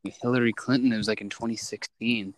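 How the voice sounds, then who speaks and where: A young man co-hosting a casual podcast, rambling excitedly with lots of fillers. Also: medium pitch, fairly quick, dry recording, low-quality recording. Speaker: podcast co-host.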